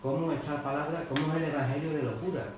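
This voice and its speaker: A man's voice: on the high side, fairly even intonation, quick pace. A man preaching a sermon as pastor, reading scripture aloud with rising force. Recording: very echoey church hall with faint mains hum.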